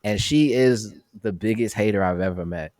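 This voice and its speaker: Young male podcast co-host, lowish voice, dry close sound, rambling slangy delivery. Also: normal speed, a little mellow, no echo. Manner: loose, rambling, heavy on fillers and slang. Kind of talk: casual chat.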